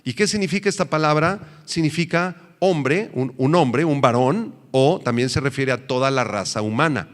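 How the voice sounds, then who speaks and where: A man's voice: medium pitch, normal speed, few pauses, big-room sound. A male pastor teaching a sermon, asking the congregation questions and answering them himself.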